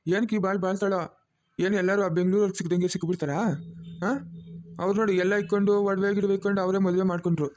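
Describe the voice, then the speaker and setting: A man's voice: high-pitched, level tone, fast, a little mellow. Blunt scolding village man. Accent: Chikkaballapur rural Kannada. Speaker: son-in-law in a family drama. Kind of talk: village web-series acting.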